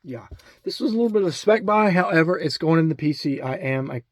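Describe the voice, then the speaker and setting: A man's voice: a little high, animated, fast, dry recording. Alabama guy rambling on about his stuff, lots of uhs and restarts, dry close mic. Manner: rambling, many ums and restarts. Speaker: comic book collector showing his collection. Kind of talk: casual video chat.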